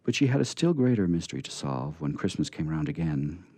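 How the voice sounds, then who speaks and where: This radio theatre host reads stories aloud live before a small group, chatty and dramatic. His voice is extremely low and dark, very animated, and a little fast, with no echo.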